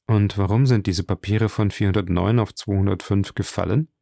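A man voicing a composed, watchful count in an audiobook, speaking in measured tones. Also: fairly low pitch, steady tone, creaky, dark tone, dry recording, studio quality.

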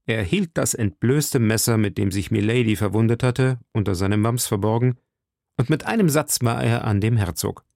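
Male narrator for a storybook reading; gravelly, dry, close, steady. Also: medium pitch, moderate pace, dry recording. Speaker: reader. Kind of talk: audiobook reading.

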